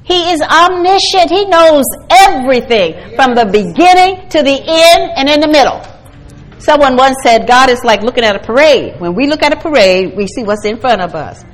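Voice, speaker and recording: A woman's voice: high-pitched, animated, normal speed, low-quality recording. Earnest woman leading a Bible study. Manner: earnest, calls for audience responses, builds to emphatic exhortation. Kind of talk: Bible study teaching to a group.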